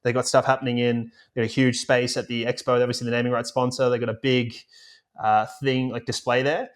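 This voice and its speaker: Fast-talking man, rambling podcast chat. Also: medium pitch, level tone. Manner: rambling storyteller, many fillers. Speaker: podcast co-host and producer. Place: remote, recording away from home.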